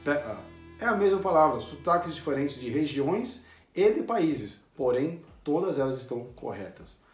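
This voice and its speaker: Man explaining a lesson, repeats example words slow, room echo, bit of guitar music under it. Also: on the high side, very animated. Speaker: English teacher. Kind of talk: video lesson. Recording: roomy with faint guitar music.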